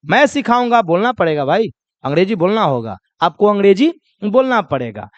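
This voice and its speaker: A man's voice: high voice, very animated, normal speed, no room sound, lo-fi sound. A man teaching spoken English in a lesson, drilling example sentences and asking and answering his own questions. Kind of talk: classroom lesson.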